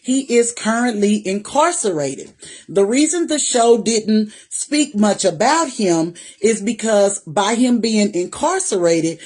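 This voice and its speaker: Lady in her 40s, slow easy live stream chat, says hi to everyone by name. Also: mid-range voice, very animated. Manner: warm, greets viewers by name, Southern "y'all" talk. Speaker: vlogger hosting a live stream.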